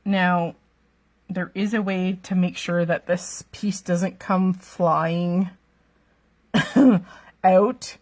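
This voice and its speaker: A woman's voice: on the low side, level tone, slow pace. A woman teaching card making during a live stream, chatty, laughing often and checking in with "okay?" after each step. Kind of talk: live-streamed craft demonstration.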